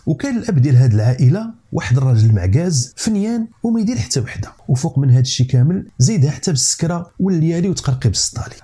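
A middle-aged Moroccan man performs as a traditional café storyteller, addressing his listeners directly. His delivery is very rapid, and his voice is very mellow and dark with a husky grain. He leans on rhymed formulas and questions as he tells the tale. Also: fairly high pitch. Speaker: storyteller, host. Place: small home room, indoors. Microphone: clip-on lapel microphone.

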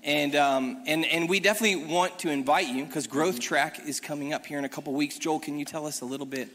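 A man's voice: a little high, fairly even intonation, a little fast, fairly bright tone. A man leading a church service, giving announcements and then praying aloud in an earnest way, heard on a stage microphone in a church sanctuary. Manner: earnest, prays aloud with repeated "Lord" and "God". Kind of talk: church announcements and spoken prayer. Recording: long reverb of a church hall.

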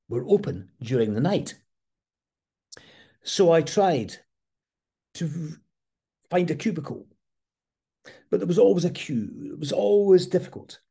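A man slowly and thoughtfully telling an earnest personal story from his past. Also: a little high, warm tone, breathy edge.

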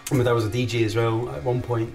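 A man's voice: mid-range voice, steady tone, quick pace, creaky, darkish tone. Man, 30s, guest musician, hesitant, ums, laughs easily, distant mic, faint music. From England and Scotland. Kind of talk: casual interview chat. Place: small home studio. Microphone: desk microphone.

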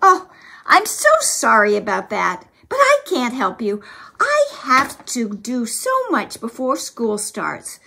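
A woman's voice: a little high, huge pitch swings, takes it slowly, creaky, pushed and bright, husky, heavily acted. A woman voicing a busy, cheerful young friend who is in a hurry, in a church children's puppet skit. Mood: hurried.

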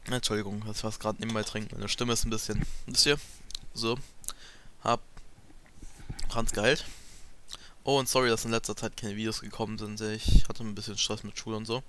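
A man's voice: on the low side, a little fast, slight background noise. A man giving casual, rambling commentary over a video game as a let's player. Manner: relaxed, rambling, many fillers.

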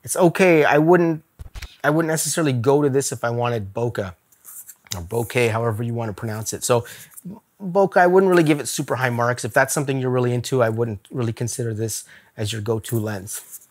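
A man reviewing camera gear straight to camera in a relaxed, talkative way. He gives blunt opinions and breaks into little laughs as he goes, with an ordinary, mid-range voice. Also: mid-range voice, a little fast. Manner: chatty, laughs often, candid opinions. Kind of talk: casual gear review vlog. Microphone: camera-mounted shot on a zoom lens.

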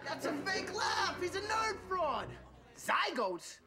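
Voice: very high-pitched, sing-song, slow pace, loud music behind the voice, full character voice. An actor playing a jealous teenager who makes snippy, mocking remarks, in a 1990s sitcom.

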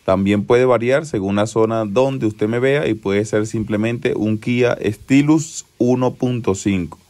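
A man's voice: on the low side, measured pace, a little mellow. A man hosting a car repair channel, methodically explaining an engine timing job and repeating the key steps, sometimes correcting himself mid-sentence. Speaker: car mechanic, channel host. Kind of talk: instructional how-to narration.

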